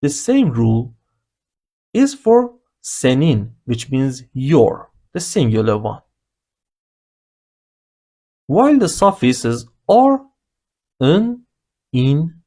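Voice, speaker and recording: A man with a dark-toned, mid-range voice teaches beginner grammar. The language teacher's narration is slow and explanatory, laying out each rule patiently in turn.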